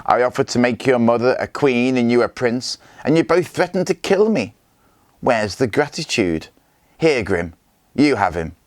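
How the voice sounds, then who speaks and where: A man's voice: medium pitch, expressive, moderate pace, no room sound, voice pushed up, lightly acted. A man voicing a cruel, smug Viking warlord who talks in a mocking, self-satisfied way. His lines come from a storybook read aloud.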